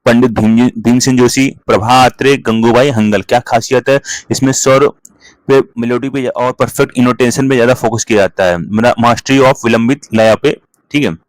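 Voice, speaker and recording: Male revision tutor, brisk list-rattling delivery, dry close recording. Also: mid-range voice, no echo, rough recording. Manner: rattles off lists, switches freely between Hindi and English terms; keeps adding "ठीक है" as a filler. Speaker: exam coaching teacher. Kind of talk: fast revision lecture.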